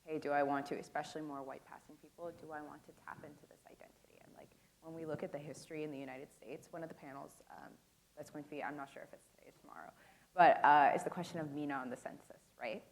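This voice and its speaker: Holding a handheld mic in a conference room, a young woman runs a panel discussion in a relaxed way, peppering her speech with "like" and "um." She talks quickly in a low, steady, creaky voice. The audio is poor, with slight background noise.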